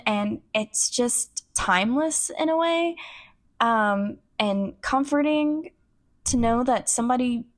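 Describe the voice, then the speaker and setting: Slow, rambling young woman podcaster. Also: fairly high pitch. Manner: scattered, self-interrupting, swears casually. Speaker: podcast host. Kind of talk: rambling solo podcast monologue.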